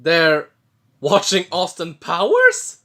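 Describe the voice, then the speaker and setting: A drunk man from Sweden, giving rambling, halting and blurting casual commentary as he reacts to a film. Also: high voice, wildly swooping pitch, pushed and bright. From Jämtland, Sweden. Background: film soundtrack, faint music.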